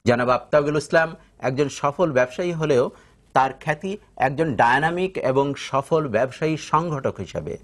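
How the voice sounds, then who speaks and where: A male TV host with a somewhat high voice. He reads a scripted introduction in a formal announcing tone. His delivery is steady and polished. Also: normal speed. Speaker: show host. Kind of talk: scripted narration.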